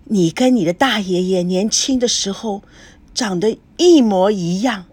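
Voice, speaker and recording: A woman's voice: mid-range voice, a little slow, darkish tone, breathy edge. A woman reading an audiobook, voicing an eager, fond elderly grandmother.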